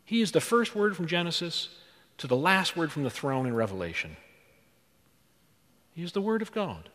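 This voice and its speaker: Dramatic preacher in a reverberant church. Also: male voice, on the high side, very animated, normal speed, fairly bright tone. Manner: dramatic, rhetorical questions and repetition. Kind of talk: sermon.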